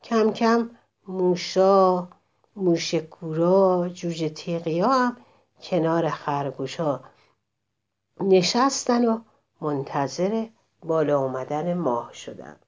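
A woman's voice: on the low side, lively intonation, highs cut off. Woman telling a children's story.

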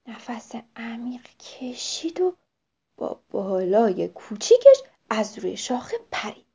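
A woman's voice: fairly high pitch, vocal fry, breathy edge. A woman narrating a children's story, often turning to speak to the children directly. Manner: lively, addresses the children directly. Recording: dull lo-fi recording.

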